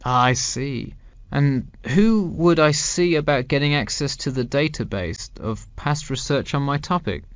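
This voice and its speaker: Male actor as university student, mid-pitched, measured scripted dialogue, slightly lo-fi sound. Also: lively intonation, clear, resonant tone, no room sound. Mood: polite, inquiring. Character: male university student discussing his dissertation with an adviser. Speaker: student in a listening-test dialogue.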